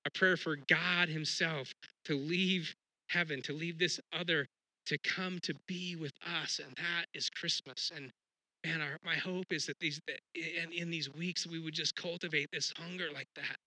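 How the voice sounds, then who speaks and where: A man's voice: on the high side, fairly even intonation, normal speed, sharp tone, dry recording, low-quality recording. A middle-aged man preaching a sermon as pastor, talking in a conversational, self-deprecating way with frequent restarts.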